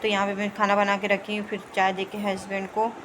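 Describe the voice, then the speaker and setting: A woman's voice: medium pitch, monotone, brisk, noisy background. A young woman narrating her home vlog in a casual, chatty running commentary on her family's daily routine. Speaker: vlogger.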